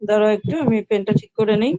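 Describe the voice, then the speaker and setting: A woman's voice: mid-range voice, little pitch movement, fast, dark tone, dry recording, muffled recording. A woman teaching an English lesson online, speaking, patiently repeating words and spelling them out letter by letter. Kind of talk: online class.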